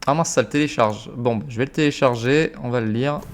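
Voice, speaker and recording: A young man explaining a software automation setup step by step in a casual, informal way, with frequent fillers and slang. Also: medium pitch, brisk, noisy background. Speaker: automation tutorial creator. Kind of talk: casual screen-recorded tutorial.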